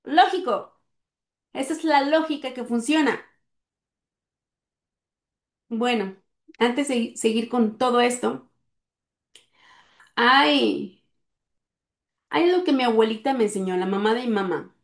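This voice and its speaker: Middle-aged woman, higher register, earnest storyteller, echoey room. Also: slow, pauses often. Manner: earnest, speaks with frequent fillers. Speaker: guest sharing testimony. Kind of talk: personal storytelling.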